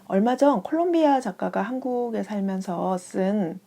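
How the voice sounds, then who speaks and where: A young woman teaching Spanish in a calm, clear, explanatory way. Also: medium pitch, normal speed. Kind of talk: scripted online language lesson.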